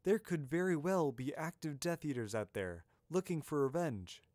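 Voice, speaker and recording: A man voicing a stern, brisk, practical middle-aged female deputy headmistress. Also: a little high, animated, darkish tone, no echo, studio quality, pitched above the performer's own voice, close to an everyday voice.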